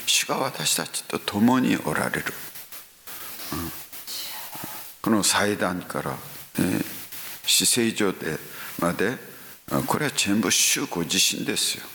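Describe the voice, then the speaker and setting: Slow, deep-voiced male preacher in hall. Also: lively intonation, pushed and bright. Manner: slow preaching with frequent hums and rising exclamations. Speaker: pastor. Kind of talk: sermon. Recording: echoey hall with faint hiss.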